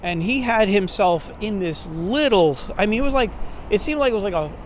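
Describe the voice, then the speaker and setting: High-pitched Brooklyn man chatting outdoors. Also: lively intonation, normal speed. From Brooklyn, New York. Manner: chatty, informal. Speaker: walking tour host. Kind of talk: casual walking tour commentary. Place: outdoors on city streets, walking. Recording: street noise, traffic and vehicles. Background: street ambience and vehicles.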